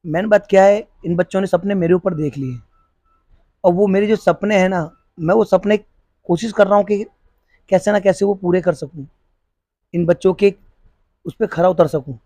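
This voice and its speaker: A high-pitched, mellow male voice holds a steady tone at normal speed, pausing often, with no room sound. The speaker is a middle-aged man with a Hindi accent, a police officer who runs a school. He answers interview questions earnestly, restarting and repeating as he gropes for words.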